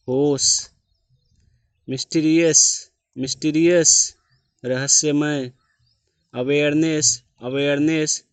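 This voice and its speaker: A man's voice: on the high side, smooth, no echo. A man teaching vocabulary, saying each word twice with careful stress and then giving its meaning. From India.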